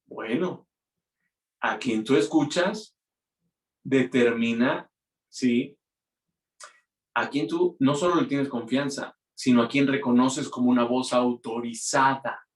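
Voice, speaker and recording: A man's voice: mid-range voice, slow, pauses often. Guy pastor giving a sermon, talky, voices other people sometimes, echoey room, mic kinda far. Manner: conversational preaching with quoted asides. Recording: roomy echo, mic from afar.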